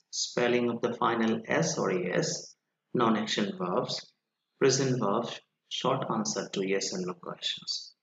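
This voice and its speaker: A man teaching English grammar in an online lesson, slowly explaining rules and reading example sentences aloud. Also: fairly low pitch, vocal fry, highs cut off, a little hiss or hum.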